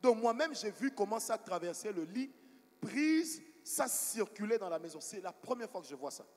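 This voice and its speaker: A man's voice: sits high, sing-song, moderate pace, darkish tone. A man preaching a sermon as pastor, telling stories and asking the congregation for responses. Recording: long hall reverb.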